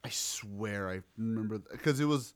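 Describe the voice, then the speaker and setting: A man's voice: on the low side, moderate pace. A man, co-hosting a podcast in casual chat, teasing, laughing and swearing freely. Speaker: podcast co-host.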